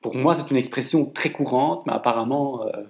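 A man's voice: mid-range voice, fairly quick, vocal fry, a little mellow. A man co-hosting a casual podcast chat, teasing his co-host in a mock-formal way. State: tired voice, clearing throat.

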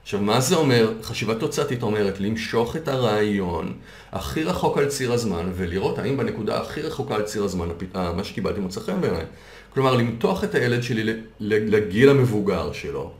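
A man's voice: lowish voice, expressive. A man coaching on a podcast, patiently explaining ideas through worked examples. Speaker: coach and consultant. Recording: roomy echo.

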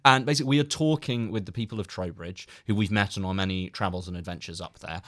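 A tired man co-hosting a casual podcast, chatting quickly and apologising often. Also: deep voice, a bit bright. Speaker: podcast co-host. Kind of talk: casual chat.

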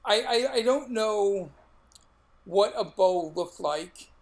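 Male podcast co-host, Brooklyn accent, middle-aged, casual talk, raised pitch with plenty of fry. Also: lively intonation, takes it slowly. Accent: Brooklyn, New York.

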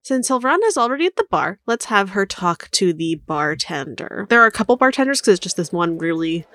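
A woman's voice: mid-range voice, big pitch swings, fairly quick, a bit bright, no echo. Casual woman game master. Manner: casual, rambling description with fillers. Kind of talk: narrating a tabletop game.

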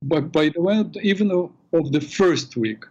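A man hosting a call-in radio show in a smooth, calm and measured way, heard through a radio broadcast. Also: fairly high pitch. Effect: radio broadcast sound. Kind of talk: smooth radio host talk. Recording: dull lo-fi radio sound.

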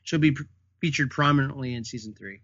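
A man's voice: mid-range voice, quick pace, a bit bright, no room sound. A man co-hosting a casual chat about comic book shows, chiming in with short agreements and corrections. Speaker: podcast co-host. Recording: dry, dull lo-fi sound.

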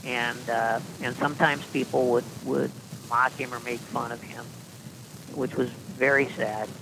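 A man, a podcast guest, telling long anecdotes in a deadpan style with dry asides and frequent restarts. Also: mid-range voice, unhurried, vocal fry, background noise. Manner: deadpan, self-correcting storyteller with dry asides. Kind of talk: casual anecdotal storytelling.

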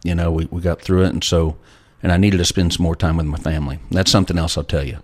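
A low, darkish voice with flat delivery belongs to a fast-talking middle-aged entrepreneur. As a guest in a casual interview, he swaps folksy stories and gives life advice.

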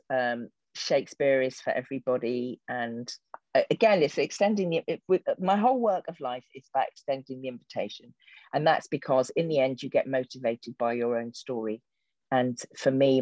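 Speaking in a bass voice with a darkish tone, a woman in her sixties from England, who directs and acts in theatre, reflects wryly in conversation during an interview, often beginning sentences again. There's no room sound in the dull, dry lo-fi recording.

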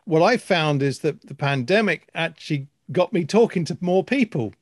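Older man, higher-pitched, in a dry room. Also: expressive, moderate pace, dry recording. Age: older, with sons in their thirties and grandchildren. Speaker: editor and former media lecturer. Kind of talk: casual chat.

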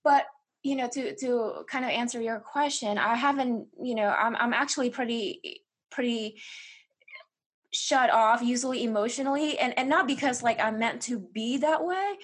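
Woman from Indonesia, interview guest, earnest and halting, slightly high breathy voice. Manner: earnest, with frequent restarts and fillers. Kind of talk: candid interview conversation.

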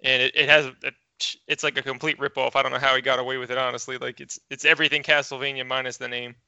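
A man's voice: mid-range voice, flat delivery, quick pace, bright, forceful tone, clean tone, no echo. A man chatting casually as the gaming correspondent on a podcast. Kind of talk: casual chat. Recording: dry, slightly lo-fi close recording.

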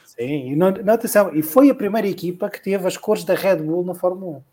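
A man with a high, mellow, slightly rough voice talks fast while co-hosting a casual podcast about motor racing. He rambles and thinks aloud, repeating himself a lot.

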